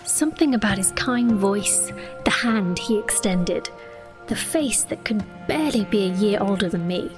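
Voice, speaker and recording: Over music, a woman with a natural, mid-range voice plays a proud, sheltered young sorceress telling her story earnestly and intimately. She speaks at normal speed with expressive delivery, in a reflective first-person mix of narration and dialogue for a fantasy audio drama.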